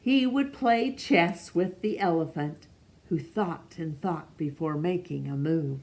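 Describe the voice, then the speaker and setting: A woman with a fairly low, darkish voice reads a picture book aloud to young children, storyteller-style, expressive and pausing for questions. The audio quality is poor.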